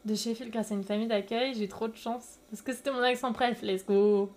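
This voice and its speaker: A young French woman chatting casually with viewers on a live stream, lively and quick to laugh. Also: on the high side. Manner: lively, giggly, reacts to chat.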